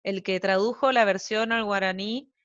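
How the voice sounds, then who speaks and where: A chatty Argentine woman, young adult to middle-aged and a mother of young children, appears as a translator guest in a casual interview. Her medium-pitched, fairly bright voice holds a steady tone at normal speed as she rambles with lots of fillers and asides. The recording is dry and muffled.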